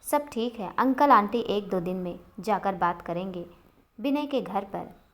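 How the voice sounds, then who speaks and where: A woman voicing a calm, sharp-tongued young wife in a storybook reading. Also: mid-range voice, measured pace, lightly acted.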